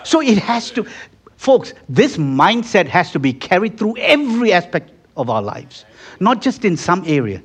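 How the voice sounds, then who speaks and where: A man's voice: sits high, very animated, normal speed, slightly rough. A man preaching a sermon in a conversational way, acting out little scenes and building to fervent peaks, with many restarts. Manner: frequent restarts and repeated words. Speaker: pastor.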